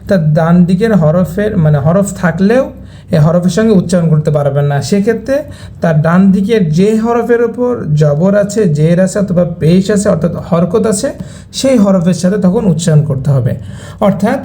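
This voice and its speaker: Mellow patient quran teacher, goes over every rule twice then sounds out syllables slow. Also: medium pitch. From Bangladesh. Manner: patient, repeats each point and spells out sounds slowly. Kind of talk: recorded online lesson, explaining and drilling syllables.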